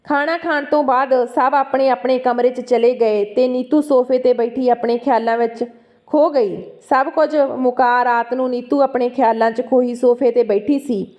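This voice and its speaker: A woman's voice: sits high, muffled recording. A woman with a Punjabi accent reading a story aloud as narrator, voicing the dialogue along with the narration.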